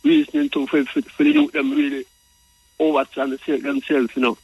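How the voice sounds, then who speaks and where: A man's voice: very high voice, sing-song, brisk, vocal fry, darkish tone, breathy edge, dry recording, poor audio. Jamaican Rasta man reasoning on radio. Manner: repeats and circles back over phrases. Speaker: radio call-in guest. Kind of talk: Rasta speech, reasoning about tradition.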